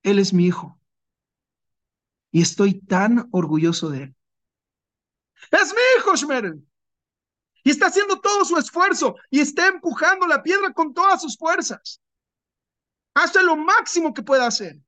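A proud, loving God speaks from heaven with tender earnestness, like a father praising a son, voiced by a man telling a parable. The voice is high and bright. The sound is dry. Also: very animated, a little slow, pauses often, no echo, full character voice.

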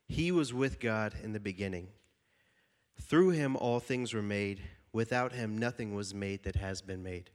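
Speaking at a measured pace in a lowish voice made stuffy and slightly nasal by a cold, a young youth pastor reads scripture aloud and preaches to a youth group in a casual, joking way.

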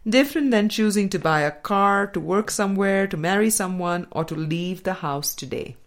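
Reading a spiritual work aloud, a female audiobook narrator speaks at a medium pitch. Her scripted delivery is careful and measured, with breaks between phrases.

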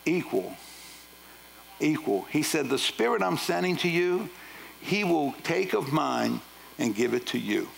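A man's voice: on the high side, lively intonation, measured pace, vocal fry, a little hiss or hum, poor audio. A man preaching a sermon, firing rhetorical questions and casual asides at his congregation. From Louisiana. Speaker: pastor.

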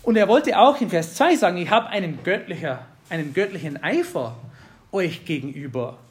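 High-voiced man preaching casually. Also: lively intonation, moderate pace. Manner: conversational, jokes with the congregation. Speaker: pastor. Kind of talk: sermon.

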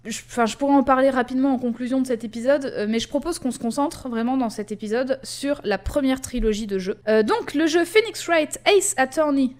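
A woman's voice: sits high, fairly quick, few pauses. A woman hosting a podcast in casual chat, explaining at length with many fillers and asides. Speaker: podcast host.

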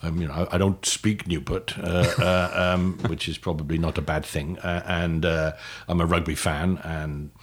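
An older man from Wales answering interview questions in a halting way, with many restarts and fillers. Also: sits low, level tone, breathy edge. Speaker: guest.

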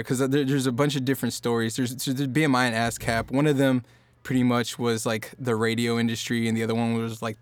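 A Norfolk, Virginia singer-songwriter guests on a podcast, his mid-range voice captured in a dry recording. His talk is easygoing and meandering, full of fillers, and he often restarts his sentences.

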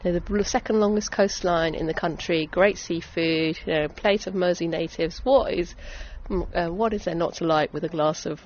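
A woman's voice: fairly low pitch, normal speed, few pauses, a little mellow. A middle-aged woman from Essex with a southern English accent, chatting enthusiastically as a vineyard owner in a casual interview. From Essex, England. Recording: dull lo-fi sound with background noise.

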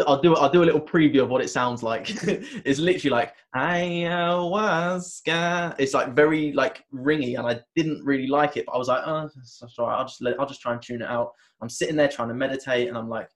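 A man talks as a guest in a conversation. His voice sits at an ordinary middle pitch. He tells a personal story with lots of restarts and fillers, and he acts out the words of his past self. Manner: animated retelling, acting out his own past words; halting, many restarts and fillers. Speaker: interview guest, wellness coach.

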